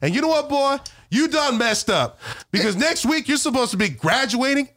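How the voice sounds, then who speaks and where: A man's voice: extremely high pitch, very animated, normal speed, a bit bright, pitched above the performer's own voice, heavily acted. A man voicing a stern male school principal who lectures a boy with indignation. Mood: stern scolding.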